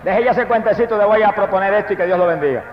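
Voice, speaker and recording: A man preaching a personal testimony sermon with fervor, dropping to hushed tones and rising to loud proclaiming. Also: high-pitched, racing, a faint crowd, a little hiss or hum. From Puerto Rico. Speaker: evangelist preacher. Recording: echoey hall, dull lo-fi archive recording.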